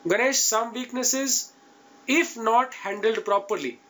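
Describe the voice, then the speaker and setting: High-pitched Indian man coaching students. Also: slow, bright, forceful tone. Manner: direct, emphatic, checks in with listeners. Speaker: interview coach teaching an online class. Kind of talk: live lesson, informal advice to students.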